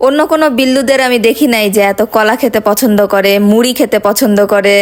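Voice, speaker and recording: A woman chatting gently to her pet cats and her viewers in a coaxing tone. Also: fairly high pitch, fast. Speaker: pet owner vlogger. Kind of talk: casual chat to pets and viewers.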